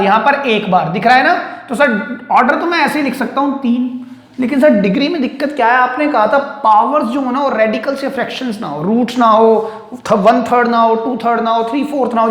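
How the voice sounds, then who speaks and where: A woman's voice: a little high, echoey room. A woman teaching a math lesson, explaining each step and often checking whether her students follow.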